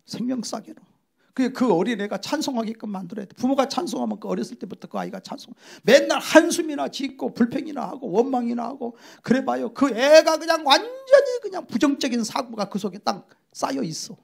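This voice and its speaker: A middle-aged Korean male pastor preaching a sermon, emphatic, swinging from loud exclamations to hushed whispers. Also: very high voice, expressive, a little fast, vocal fry, breathy edge.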